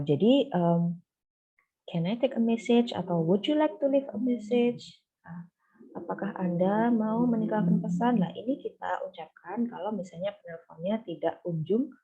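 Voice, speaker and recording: A woman gives a bilingual English lesson, explaining phone phrases patiently with frequent fillers. Her voice is low, husky and mellow. The recording sounds dull and lo-fi. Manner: explains patiently, switching between two languages with frequent fillers. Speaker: English teacher.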